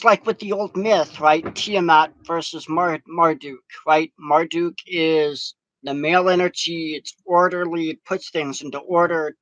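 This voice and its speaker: A man gives a rambling, profane vlog monologue outdoors in the wind. His voice sits high. The sound is dry and close. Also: fairly bright tone, no echo, poor audio. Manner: profane, ranting.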